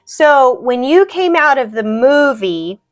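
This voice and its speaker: Slow-paced American woman, higher voice. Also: animated, faint music behind. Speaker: interviewer, granddaughter. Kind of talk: casual family interview.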